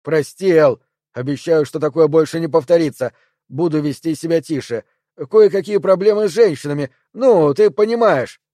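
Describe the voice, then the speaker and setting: A paranoid, enraged man who rants at the creatures inside his body in a raised, loud voice, as a narrator puts him on. The timbre stays warm and mellow, recorded dry and close. It is a dark audiobook thriller. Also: on the high side, normal speed, no echo, lightly acted. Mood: placating. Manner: raised, angry, ranting. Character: Perry, infected man, raging and paranoid.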